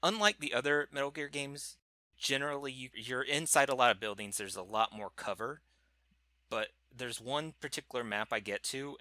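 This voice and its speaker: A man's voice: lowish voice, sharp tone, no room sound. A man co-hosting a podcast, chatting casually and rambling a little as he corrects himself. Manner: rambling, self-correcting gamer talk. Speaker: podcast co-host. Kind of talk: casual chat.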